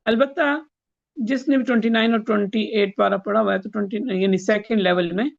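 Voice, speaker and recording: A woman teaching Quran recitation rules in an online lesson, explaining slowly and chanting the Arabic verses. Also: medium pitch, fairly even intonation, vocal fry, dull audio.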